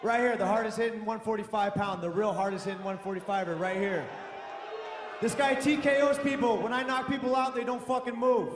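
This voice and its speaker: Brash high-voiced man trash-talking in echoey hall. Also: fairly quick. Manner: brash, swearing trash talk. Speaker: fighter. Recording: echoey hall, noisy crowd.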